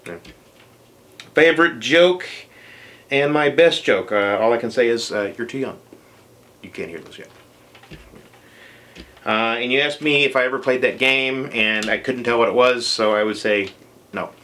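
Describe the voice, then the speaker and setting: A man's voice: mid-range voice, normal speed, long pauses, a bit bright. A man vlogging answers to viewer questions in a casual chat, rambling with many fillers and dry jokes.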